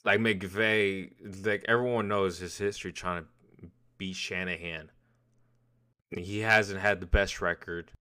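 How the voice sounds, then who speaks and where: A man's voice: sits low, steady tone, unhurried, pushed and bright, smooth. A man co-hosting a casual sports podcast, rambling and restarting his phrases, swearing now and then. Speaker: podcast co-host.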